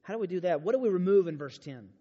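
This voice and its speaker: A man preaching a sermon at a youth camp, animated and storytelling, moving from hushed to emphatic. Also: sits high, fast. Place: large church auditorium. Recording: dull sound with long hall reverb.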